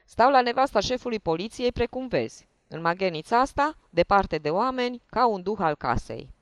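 A narrator voicing a loud, carefree, drunken lieutenant in an audiobook reading. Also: mid-range voice, animated, no room sound, voice pushed up. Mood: rowdy. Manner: loud, swaggering, urging others to drink.

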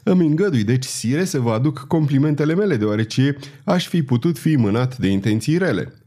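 A man's voice: mid-range voice, lively intonation, mellow, lightly acted. A man voicing a proud, courtly knight. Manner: polite but haughty, smiling. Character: proud calm male French knight, wry and courtly.

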